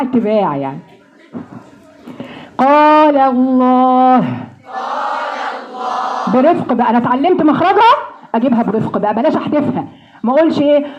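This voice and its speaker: A woman with an Egyptian accent teaching Quran recitation, drilling sounds slowly and joking with homely comparisons. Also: sits high, lo-fi sound. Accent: Egyptian Arabic. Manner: playful, homely comparisons, slow drawn-out model sounds. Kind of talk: pronunciation lesson with drills.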